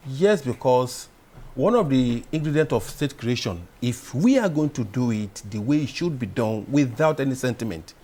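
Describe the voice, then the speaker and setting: A man speaks as a public affairs analyst on a TV panel, his pitch in the middle for a man. He explains in a measured way and leans into emphatic points. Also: darkish tone. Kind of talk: studio discussion. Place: TV studio.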